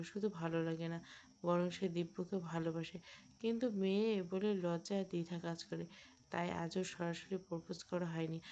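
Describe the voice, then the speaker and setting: Low-voiced woman narrating a story. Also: warm tone. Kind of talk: scripted narration of a romantic audio story. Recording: dull lo-fi recording.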